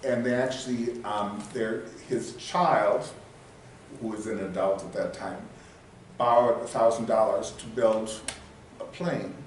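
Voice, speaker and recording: Man, lowish voice, casual rambling history talk, echoey far mic in a meeting hall. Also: steady tone, measured pace, a little hiss or hum. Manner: rambling, searches for words with many fillers. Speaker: local history presenter.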